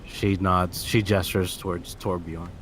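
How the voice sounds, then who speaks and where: A man's voice: deep voice, steady tone, measured pace, noisy background. A man narrating a tabletop role-playing game as the game master.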